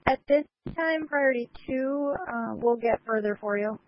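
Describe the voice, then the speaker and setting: A woman working as an emergency dispatcher, speaking in brisk, clipped radio codes over a police radio channel. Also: fairly high pitch, slight background noise. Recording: lo-fi scanner radio audio.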